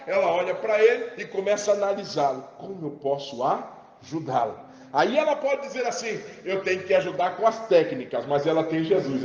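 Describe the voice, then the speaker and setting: A man from Rio de Janeiro preaching a sermon in an animated, jokey way, calling out to his congregation. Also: high voice. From Rio de Janeiro, Brazil. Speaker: pastor. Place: large church hall. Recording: roomy church hall, dull sound with music.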